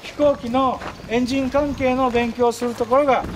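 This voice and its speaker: A man, giving a folksy guided-tour explanation with drawn-out fillers and anecdotes. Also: extremely high pitch, steady tone. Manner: folksy, drawn-out fillers and frequent tag words. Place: open outdoor grounds. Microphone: camera a few steps away. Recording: outdoor camcorder audio with clear ambient noise.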